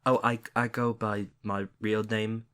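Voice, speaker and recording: A smug Satan passing himself off as a Frenchman, as a podcast host puts him on. He speaks in a vague European accent, slow and low with theatrical relish, and his voice sounds bright and edgy. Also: level tone, smooth. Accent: vague European put-on accent.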